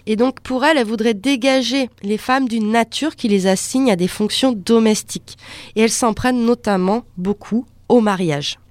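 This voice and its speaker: A woman's voice: on the high side, normal speed, darkish tone, no echo. A woman speaking as a guest on a radio show, explaining loosely and with frequent hesitation fillers.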